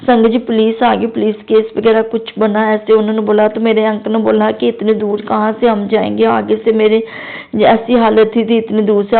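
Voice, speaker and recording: A woman's voice: on the high side, creaky. A middle-aged woman from Jammu telling a long personal testimony to a devotional congregation, rambling and repeating her address to the listeners. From Jammu, India. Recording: tinny phone-like recording.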